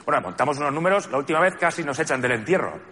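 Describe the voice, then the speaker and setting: A man from Spain doing a stand-up monologue on a theatre stage, speaking in a deadpan way and acting out the people he quotes. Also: a little high, very fast. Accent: Spanish. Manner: deadpan, lists grievances, acts out quoted people. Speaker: stand-up comedian. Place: theatre stage with live audience. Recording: stage mic with audience laughter and noise.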